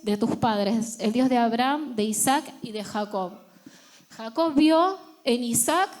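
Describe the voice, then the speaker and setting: A woman's voice: a little high, a little mellow. A woman pastor with an Argentine accent, preaching a sermon earnestly and repeating words for emphasis. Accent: Argentine Spanish.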